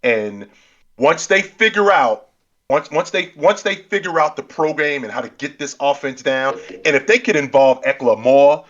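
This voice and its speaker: A man co-hosting a sports podcast in casual chat, animated and repeating himself as he builds his points. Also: on the high side, moderate pace, highs cut off. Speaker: podcast co-host.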